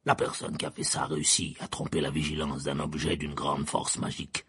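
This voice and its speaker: A battle-hardened old wizard growls every line. The voice sits extremely low, raspy and gravelly, slow and calmly threatening. The sound is close and dry. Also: male voice, dry recording, heavily acted. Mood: growling menace. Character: gruff battle-scarred old male wizard, menacing. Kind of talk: audiobook character voice.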